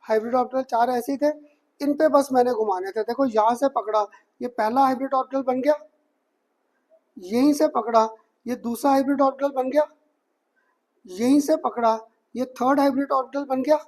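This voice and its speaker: This male chemistry teacher's voice is extremely high, with a steady tone, normal speed, and long pauses. His lecture is conversational, Hindi sprinkled with English technical vocabulary, and he often asks the students whether things are clear.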